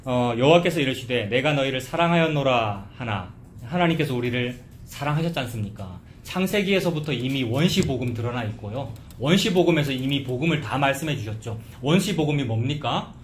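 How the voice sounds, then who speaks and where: A pastor with a mid-range voice and lively intonation preaches briskly with few pauses, an expository sermon recorded with slight background noise in an echoey church room with faint ambience. Conversational, he questions the congregation and acts out quoted complaints in a mocking dialect voice.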